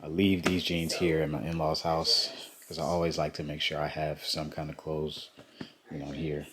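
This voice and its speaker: Deep-voiced man chatting to his vlog camera. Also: level tone, normal speed, a crowd in the background. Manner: laid-back, chatty, talks straight to camera. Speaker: vlogger host. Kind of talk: casual vlog chat. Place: in-laws' house. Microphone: handheld vlog camera.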